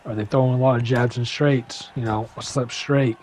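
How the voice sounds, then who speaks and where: A young man giving a casual gameplay breakdown, full of "you know" fillers and sometimes rushing to keep up with the action. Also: mid-range voice, fairly even intonation, darkish tone, slight background noise. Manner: casual, filler-heavy, talks fast to keep up. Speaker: gaming YouTuber.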